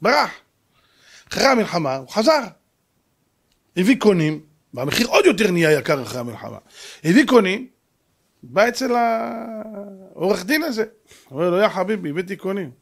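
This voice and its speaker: A middle-aged man, a rabbi, preaching a sermon through a story, swinging from hushed narration to shouts. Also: high-pitched, sing-song, vocal fry, pauses often.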